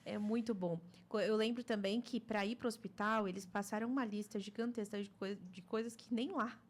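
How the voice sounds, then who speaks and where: A woman from Brazil hosting a casual chat, animated and self-deprecating, often breaking off mid-word. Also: medium pitch, brisk.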